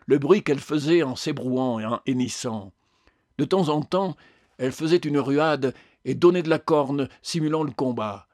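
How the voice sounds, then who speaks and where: A man reading a story aloud as narrator in a steady, measured way. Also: medium pitch, dry recording, clean studio sound. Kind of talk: audiobook narration.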